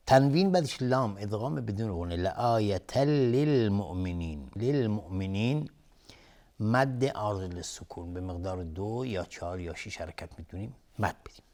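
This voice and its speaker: A man with a Persian accent teaching Quran recitation rules, explaining calmly and then chanting verses slowly. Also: fairly low pitch.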